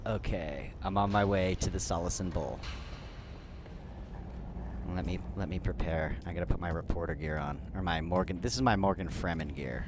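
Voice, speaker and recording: A man's voice: deep voice, moderate pace, background noise. A man streaming a game live, chatting casually and rambling, with a slightly dry throat. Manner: chatty, rambling, many restarts.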